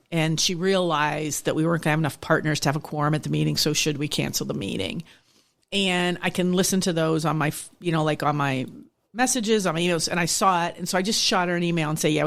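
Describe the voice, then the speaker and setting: Middle-aged woman with a gravelly voice. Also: lowish voice, brisk. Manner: reflective, candid storytelling with frequent restarts. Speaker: nonprofit executive director, podcast guest. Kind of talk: conversational interview.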